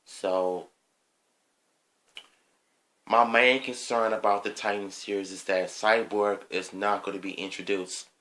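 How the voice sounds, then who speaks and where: A man speaks slowly and haltingly in an opinion vlog, stopping often for ums and to clear his throat. His voice sits a little low, yet its tone is bright and forward. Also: fairly even intonation. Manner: slow, hesitant, with frequent ums and throat clearing. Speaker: vlogger.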